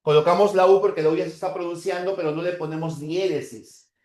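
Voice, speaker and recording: A man teaching a class, slowly stretching out example words and checking in with students between points. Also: high voice, steady tone, darkish tone, echoey room. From Peru. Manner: slow, drawn-out spelling of example words; checks in with the class with short tags. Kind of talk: classroom lecture.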